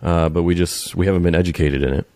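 A man hosting an interview, speaking haltingly with lots of restarts and fillers. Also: low voice, steady tone, warm tone, no echo. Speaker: podcast host. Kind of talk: interview, casual chat.

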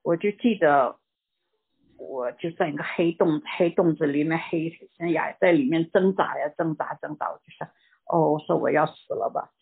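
An older woman giving a personal church testimony in a halting way, repeating words and dropping in English words. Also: low voice, vocal fry, husky. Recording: tinny phone-like recording.

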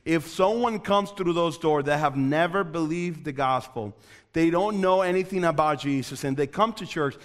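A man's voice: on the high side, in a large hall. A young man from the Dominican Republic preaching an earnest youth sermon, repeating phrases for emphasis and speaking straight to the room. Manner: earnest, repetitive emphasis, addresses the room directly. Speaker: youth pastor.

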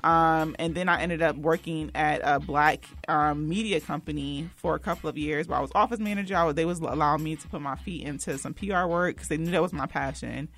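A woman's voice: sits low, a little fast, hardly any pauses, fairly bright tone. A young adult woman, a PR consultant, speaking as a guest in a casual interview in a loose, conversational way. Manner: loose and conversational, many fillers and restarts.

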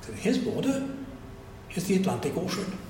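A man's voice: sits high, sing-song, moderate pace, mellow, a little hiss or hum. An older man with a Welsh accent, a native Welsh speaker, giving a reflective public lecture with frequent restarts. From Wales. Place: lecture hall at a society event. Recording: echoey hall recording.

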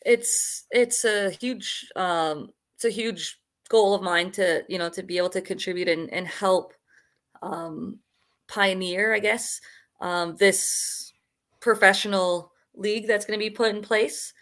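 A woman's voice: medium pitch, measured pace, a bit bright. A young woman from Canada, a podcast guest, answering casually over a video call with lots of "um" and "like". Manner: loose, many fillers like "um" and "like". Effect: remote guest audio over a video call connection.

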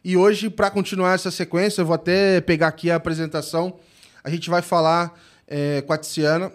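A man hosting a podcast, introducing his guest and chatting casually in a halting way. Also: a little high, little pitch movement. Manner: halting, many "é" fillers and restarts. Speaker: podcast host. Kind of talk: casual interview chat.

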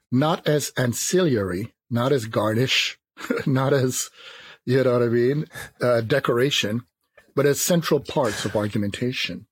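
Man in his fifties, husky, dry close sound, measured academic talk. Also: mid-range voice, no room sound. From Jamaica. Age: 50s. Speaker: philosopher. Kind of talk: reflective interview talk.

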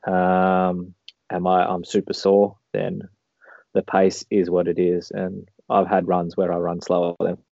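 A man's voice: low-pitched, completely flat delivery, a little slow, creaky, darkish tone, no room sound. A man chatting casually as an interview guest, rambling along in a laid-back way. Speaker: podcast guest, marathon runner. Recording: dull lo-fi call audio.

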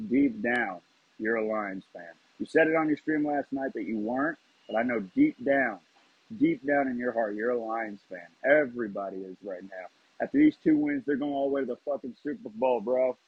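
A man's voice: medium pitch, normal speed, slightly rough, dry recording. A man leaving a brash, casual voice message full of swearing, played back from his phone. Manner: brash, swearing sports fan talk. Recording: tinny, dry phone voice message.

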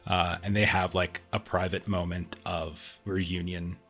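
Casting: male game master, fairly low voice, casual improvised narration over faint music. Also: flat delivery, measured pace, a bit bright. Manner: conversational, improvising.

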